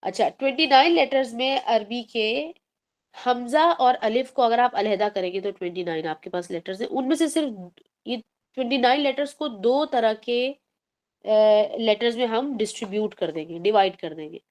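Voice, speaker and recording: A woman teaching recitation to her online class. Her voice sits a little high, and she explains patiently, step by step, slipping English terms into her talk.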